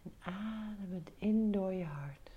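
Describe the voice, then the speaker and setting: A woman guiding a meditation in a soft, breathy near-whisper, soothing, giving short instructions with pauses. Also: medium pitch, phone-quality sound. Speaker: meditation guide. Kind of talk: guided meditation.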